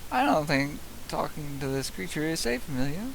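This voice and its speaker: A man with a slightly high, creaky voice plays a game and comments casually. He mutters to himself and repeats lines back, with some hiss on the recording. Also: big pitch swings, normal speed. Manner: muttering to self, echoing game dialogue. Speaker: gamer playing and reacting. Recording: hissy background noise.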